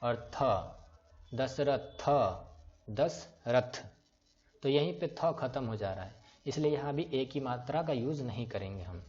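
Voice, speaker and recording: Guy teaching a class, slow and patient, spells stuff out letter by letter, kinda dull lo-fi sound. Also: medium pitch, lively intonation, darkish tone. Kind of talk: online class on writing names in English letters. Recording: slightly dull lo-fi recording.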